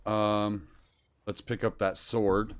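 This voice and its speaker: Male game streamer with a lower-register voice, muttering casually through live play commentary and on-screen text. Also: little pitch movement, takes it slowly. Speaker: streamer playing a role-playing game.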